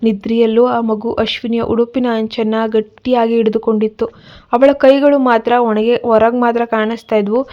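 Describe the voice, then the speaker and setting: Woman storyteller, steady and earnest; flat, mellow delivery on lo-fi audio. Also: a little high, moderate pace. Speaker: narrator. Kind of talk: storybook narration.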